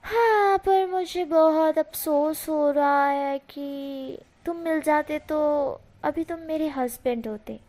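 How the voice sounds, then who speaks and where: A woman voicing a sly, flirting male fox spirit with a slow, teasing drawl, in a storybook reading. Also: sits high, darkish tone.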